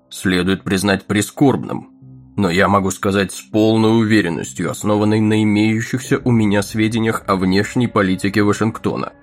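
An actor playing a smug, scheming male railroad executive who speaks in a crisp, monotone, self-assured way. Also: on the low side.

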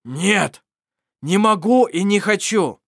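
A reader voicing a stubborn, bitter male servant who shouts harshly and hisses, in an audiobook. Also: mid-range voice, animated, moderate pace, no echo, studio quality, pitched above the performer's own voice.

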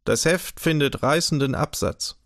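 A man voicing a small, humorless archive director who speaks calmly, measured and diplomatic in an audiobook. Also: fairly high pitch, gravelly, dry recording, clean studio sound, voice pushed up.

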